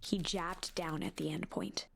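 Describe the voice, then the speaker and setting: A woman narrating a cozy mystery game in a scripted storybook style, often dropping to a hushed whisper. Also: fairly low pitch, steady tone, unhurried, creaky, a little hiss or hum. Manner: drops into a hushed whisper at tense moments. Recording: loud game music behind.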